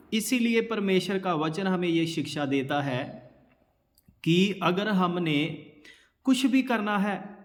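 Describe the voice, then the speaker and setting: A man delivers a slow, measured sermon as a pastor, posing rhetorical questions and answering them himself. His voice sits a little high for a man, and it rings out with a long reverb tail, as if in a large hall.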